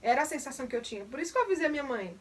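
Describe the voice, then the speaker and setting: A woman's voice: high voice, sing-song, racing, distant mic, a little hiss or hum. A young woman, candidly recounting a personal testimony in detail. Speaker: vlogger. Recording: voice a bit off the mic.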